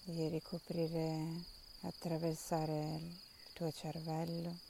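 A woman leading a guided meditation in a soft, calm, soothing voice with long pauses between instructions. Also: low-pitched, vocal fry, noisy background.

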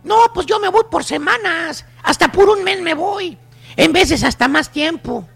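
A Mexican radio host spins a comic story in slangy, teasing, emphatic bursts. His voice is very high with a gravelly creak. Light music plays underneath. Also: expressive, unhurried, fairly bright tone. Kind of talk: comedic storytelling monologue.

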